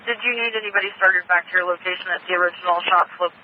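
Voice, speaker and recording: A man working as a police dispatcher, heard over a police radio that sounds muffled, with faint hiss underneath. His voice sits a little high, and he reels off radio codes, addresses and suspect details in a clipped, procedural way. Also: fairly even intonation, very fast.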